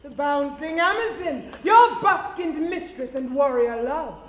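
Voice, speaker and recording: Woman playing a high-voiced, hammy fairy queen. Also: expressive, unhurried. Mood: scornful, mocking. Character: proud, scornful fairy queen, female, defiant. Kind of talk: Shakespearean stage acting. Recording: echoey hall recording, clear noise.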